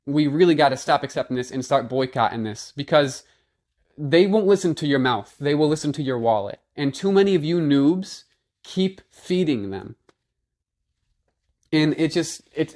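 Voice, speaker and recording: Heated man ranting into a phone. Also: fairly high pitch. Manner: fired-up, blunt, repeats himself. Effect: recorded on a phone. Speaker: gaming video maker. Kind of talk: heated off-the-cuff rant. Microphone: phone's built-in microphone.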